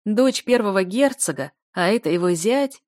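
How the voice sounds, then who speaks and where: A woman's voice: mid-range voice, expressive, moderate pace, a little mellow, no room sound, clean studio sound, natural voice. A woman reading the part of a mocking, arrogant male town healer in an audiobook, jeering and cackling. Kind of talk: audiobook character voice.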